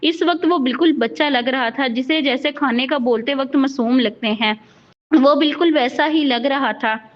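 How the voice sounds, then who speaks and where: A woman with a high voice narrates a romance novel in a steady storytelling manner. The recording is dull and lo-fi, with little top end. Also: normal speed. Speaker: novel reader.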